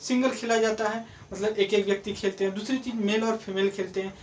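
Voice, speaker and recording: High-voiced man teaching, lots of uh and restarts, mic kinda far off. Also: steady tone, a little fast. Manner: hesitant, many fillers and restarts. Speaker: coaching centre teacher. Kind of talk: explanatory video lesson. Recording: voice from afar, faint room noise.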